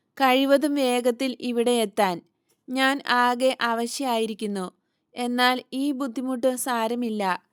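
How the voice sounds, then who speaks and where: A woman voicing a grieving middle-aged mother who pleads loudly and with anguish about her family. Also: fairly high pitch, clear, resonant tone, no room sound, clean studio sound.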